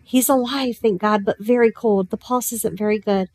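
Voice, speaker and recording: A genial village rector talks in a hearty, reassuring way in a storybook reading, as a woman puts him on. His manner is warm and steady. The recording is dry. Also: a little high, normal speed, no echo, natural voice. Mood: urgent.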